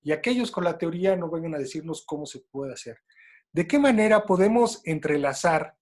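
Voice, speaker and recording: A man's voice: fairly high pitch, lively intonation, a little fast, a little mellow. Mexican man moderating, loose storyteller. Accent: Mexican Spanish. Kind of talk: casual panel talk.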